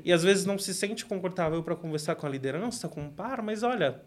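A man's voice: high voice, fairly quick. Young São Paulo man chatting casually. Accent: São Paulo Portuguese. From Brazil. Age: young adult. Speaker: guest. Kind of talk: casual interview talk.

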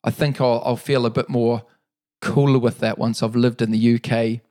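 A middle-aged man with a New Zealand accent, talking casually in an interview, relaxed and rambling with fillers and restarts. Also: mid-range voice, moderate pace. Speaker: interviewee, para-cyclist.

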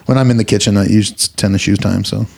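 A man's voice: lowish voice, steady tone, fast, creaky, darkish tone. A young man from Colorado, a podcast guest, telling stories in an easygoing way with frequent laughs. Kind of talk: casual chat.

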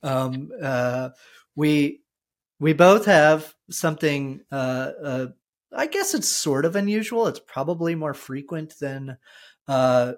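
A podcast host speaks slowly in relaxed conversation, often pausing and restarting thoughts. The pitch is middling and the talk unhurried. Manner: hesitant, many fillers and restarts. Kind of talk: casual conversation.

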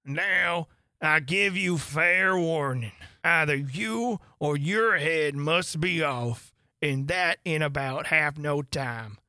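A domineering queen barks her orders slowly and loudly, every word a command. The reader drags out the lines to play her. Dry, close recording. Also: medium pitch, no room sound. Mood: imperious. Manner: slow, loud, commanding. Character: stern furious queen, woman, domineering. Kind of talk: audiobook character voice.

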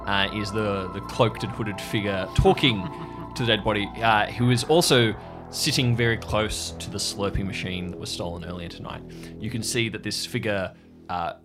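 A man improvising narration as a tabletop game master, halting and amused as he tells the story. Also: on the low side. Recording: music behind the voice.

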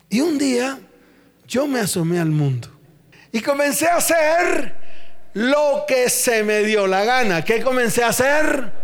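High-voiced Colombian preacher in a reverberant hall. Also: male voice, a little mellow. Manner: quizzes the congregation with repeated questions; theatrical and jokey storytelling. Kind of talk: sermon. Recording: long reverb of a large hall.

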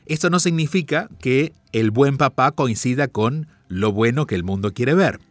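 Calm, reflective male radio host. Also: mid-range voice, normal speed, dry recording, soft background music. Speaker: radio host and life counselor. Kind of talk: advice call-in radio show.

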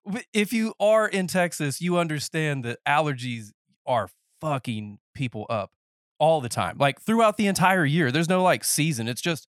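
A man's voice: fairly high pitch, lively intonation, moderate pace, dry recording, clean studio sound. Rambling congested man in his thirties. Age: 30s. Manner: rambling, self-interrupting, joking. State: congested, slightly nasal. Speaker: podcast host. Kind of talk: casual interview chat. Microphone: headphones and podcast mic.

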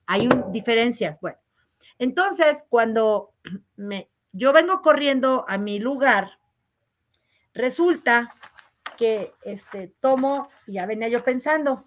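A woman with a loud, resonant voice, telling stories as a guest in a casual interview with lots of quick asides. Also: a little high. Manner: animated, rapid storytelling full of "o sea" asides. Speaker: congresswoman guest.

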